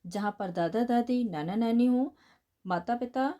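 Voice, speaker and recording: A woman teacher with an Indian accent explaining a children's lesson, dictating English slowly and explaining quickly in Hindi, spelling words letter by letter and addressing the children as 'beta'. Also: a little high, dark tone. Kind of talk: bilingual classroom lesson explaining answers.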